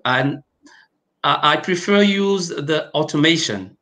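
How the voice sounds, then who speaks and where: His voice is a little high, pushed and bright. He is an Algerian man with Arabic and French as first languages, speaking as a guest pharmacovigilance specialist in an online video-call interview from his home room, and he halts often, with many fillers and restarts.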